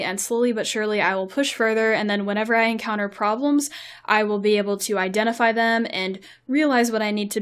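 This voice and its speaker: A young woman giving casual gameplay commentary and advice, chatty with frequent fillers. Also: mid-range voice. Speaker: mobile game video creator.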